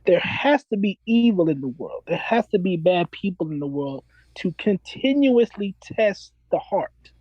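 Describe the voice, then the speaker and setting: A man's voice: high-pitched, lively intonation, unhurried, no echo, highs cut off. A man in his forties, a self-described minister, talking earnestly and preachily in a casual interview and repeating his key phrases. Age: 40s.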